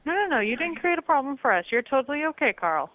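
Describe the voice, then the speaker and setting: Female hotel clerk on a tinny phone line, lively higher voice, calm and reassuring. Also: quick pace, slight background noise. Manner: patient, reassuring. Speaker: hotel front desk staff.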